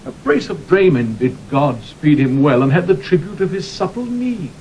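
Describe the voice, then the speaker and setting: A man's voice: lively intonation, moderate pace, a little mellow, natural voice. An actor playing a haughty, mocking young king in a declamatory, classical Shakespearean audio drama style. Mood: scornful. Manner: declamatory, crisply theatrical, sardonic. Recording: dull vintage 1960 recording, faint rumbling hiss.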